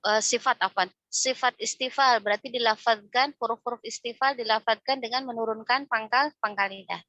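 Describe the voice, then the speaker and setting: A woman with a fairly high, bright, forceful voice and a steady tone teaches a Quran recitation class at a moderate pace. She explains step by step, often tags phrases with a questioning "ya," and demonstrates recitation aloud, on a dry recording with the highs cut off.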